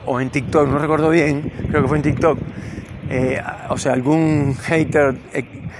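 Cuban-born man, gravelly podcast monologue. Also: a little high, level tone, unhurried, background noise. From Cuba. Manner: rambling, loose and conversational. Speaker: podcast host. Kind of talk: improvised monologue while walking. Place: outdoors on a city street at dusk. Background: passing cars.

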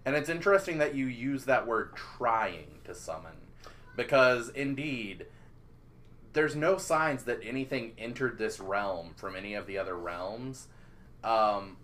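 A man narrating as game master of a tabletop role-playing game, describing scenes in a measured, drawn-out way. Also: fairly low pitch, fairly bright tone.

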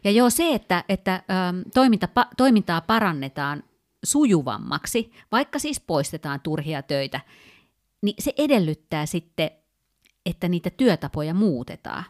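A woman's voice: on the low side, very animated. A woman co-hosting a casual talk, explaining ideas step by step with many fillers and small restarts. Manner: thoughtful, with frequent fillers and restarts; explanatory, walks through work examples. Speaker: podcast co-host. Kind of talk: casual conversational podcast.

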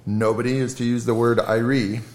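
A man co-hosting a casual podcast, setting out the evening's plans in a dry, deadpan way. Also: mid-range voice, a little fast, slight background noise. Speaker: podcast co-host. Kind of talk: casual chat.

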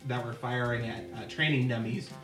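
A man running a tabletop game as game master, narrating in a relaxed, halting way with many fillers. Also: mid-range voice, echoey room, music in the background.

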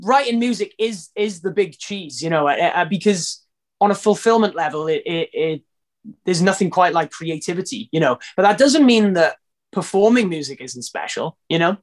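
A man's voice: sits high, animated, normal speed. A Welsh man from Wales, a singer talking casually in an interview, rambling with lots of fillers and restarts.

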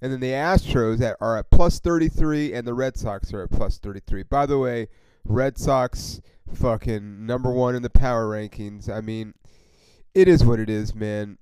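A man hosts a solo sports podcast in a loose, rambling way, peppered with swearing and "you know"s. His voice is smooth and resonant at a middle pitch, recorded close and dry with no room sound. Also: normal speed, darkish tone, no echo, low-quality recording. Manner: rambling, profane, frustrated fan talk with many fillers. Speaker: podcast host.

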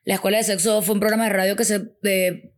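A woman in casual podcast chat as a guest sex educator, telling animated stories, laughing often and acting out quotes. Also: medium pitch, fast talker.

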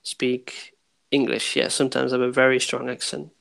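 A man from Denmark hosting a podcast, chatting casually with a guest and explaining things to the listeners in a relaxed way. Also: medium pitch, vocal fry. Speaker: podcast host. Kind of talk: casual interview chat.

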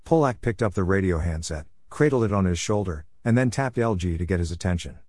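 A man with a low voice reads a war story aloud as scripted narration. He tells it in a measured, steady way. The recording is dry and close, with no room sound. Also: dry recording.

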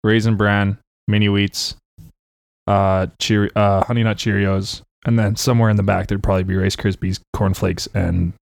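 A man's voice: lowish voice, little pitch movement, vocal fry, no echo, studio quality. A young Canadian man co-hosting a casual podcast chat, cracking jokes and teasing the others. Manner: joking, teasing, quick asides. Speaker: podcast co-host.

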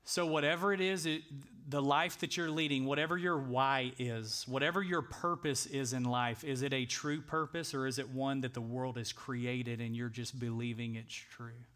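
A man's voice: medium pitch, steady tone, normal speed, few pauses, fairly bright tone. Earnest male pastor preaching a sermon. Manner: earnest, conversational preaching that builds to emphatic peaks. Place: church sanctuary.

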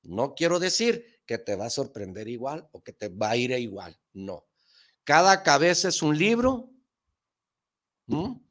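Excitable man preaching motivation. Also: medium pitch, a little slow. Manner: emphatic and excitable, rhetorical questions, slangy. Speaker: motivational show host. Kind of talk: motivational talk.

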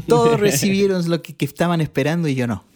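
A man from Chile, a church bass player, telling his testimony in a relaxed chat and acting out the people he quotes. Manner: animated, acts out the people he quotes. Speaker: guest sharing his testimony. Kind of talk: casual storytelling.

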